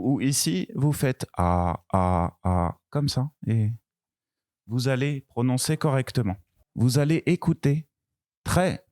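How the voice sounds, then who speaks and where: Male language teacher, slow patient delivery, repeats each word for beginners, dry room. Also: on the high side, darkish tone, no echo. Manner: slow, patient, repeats words and sounds clearly. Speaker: French teacher. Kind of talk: beginner pronunciation lesson.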